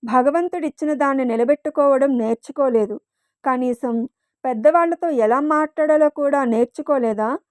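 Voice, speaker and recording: A stern old head of the family, firm and scolding, as a woman reader puts him on. The voice is high and dry with no room sound. It is a figure in a storybook read aloud. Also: normal speed, darkish tone, no room sound, close to an everyday voice. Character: stern elderly patriarch of the family.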